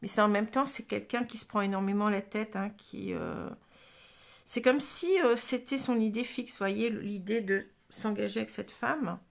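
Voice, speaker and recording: Woman tarot reader, gravelly, mid pitch, halting casual delivery. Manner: halting, full of "hein" and "vous voyez", restarts. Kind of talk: casual tarot reading to camera.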